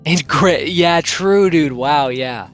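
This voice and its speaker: A man's voice: a little high, slow pace. Young male co-host, loose filler-laden delivery, faint background music. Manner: rambling, heavy use of "like" fillers. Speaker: podcast co-host. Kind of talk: casual anime review chat.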